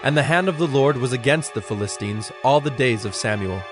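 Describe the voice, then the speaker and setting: A man reads scripture from a script, telling it in a measured, solemn storytelling style. His voice sits at a medium pitch with lively intonation, and music plays in the background.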